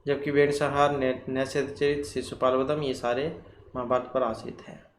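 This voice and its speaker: A man teaching Sanskrit grammar for exam preparation. He works through quiz questions slowly and deliberately, asks himself questions and repeats the key terms. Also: medium pitch, level tone. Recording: echoey room, faint ambient noise.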